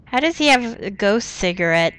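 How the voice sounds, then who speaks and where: A woman's voice: medium pitch, lively intonation, normal speed, a bit bright, smooth. A young woman casually commenting on a game she is playing, mumbling and thinking aloud. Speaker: let's play gamer.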